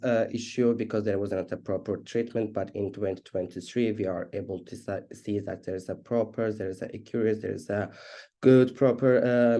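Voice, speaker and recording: A man from Azerbaijan, an HIV activist, gives a webinar presentation over a video call, using many fillers and restarts. His voice is fairly low in pitch and warm in tone.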